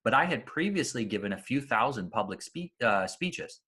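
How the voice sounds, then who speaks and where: A man hosting an interview, explaining his thoughts in a steady, reflective way. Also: mid-range voice, moderate pace, husky. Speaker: interview host. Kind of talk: casual interview conversation.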